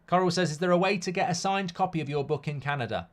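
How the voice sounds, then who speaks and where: Fast and fairly high-pitched, a British man with a slightly croaky, blocked-up voice hosts a live football watchalong. He blends relaxed match commentary with blunt, jokey responses to the chat.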